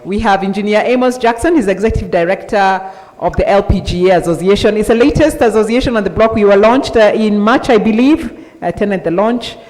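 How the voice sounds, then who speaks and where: A woman's voice: medium pitch, a little fast, darkish tone, soft background music. A woman, emceeing a conference and introducing panelists, drawing out names and key words in an upbeat way. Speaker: event emcee. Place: large indoor conference hall. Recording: reverberant conference hall PA.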